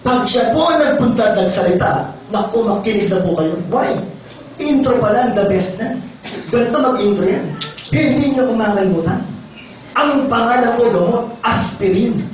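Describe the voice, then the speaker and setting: A hoarse middle-aged man with a Filipino accent, giving a lively, playful seminar talk and often asking the audience questions. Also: sits high, moderate pace. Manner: energetic, playful, often asks the crowd questions. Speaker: company doctor giving a sales seminar. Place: large seminar hall. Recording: very echoey hall, distant, faint room noise.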